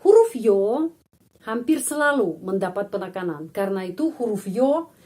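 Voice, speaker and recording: Woman slowly modeling pronunciation as a teacher. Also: medium pitch, big pitch swings, dark tone. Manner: slow, deliberate, repeats words to model pronunciation. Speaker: Russian language teacher. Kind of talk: pronunciation lesson.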